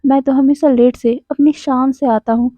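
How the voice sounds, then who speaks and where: A woman's voice: sits high, fairly even intonation, moderate pace, dark tone, no room sound, natural voice. A woman voicing a playful, teasing young man in a storybook retelling, drawing out her words. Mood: carefree. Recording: dry, dull lo-fi sound.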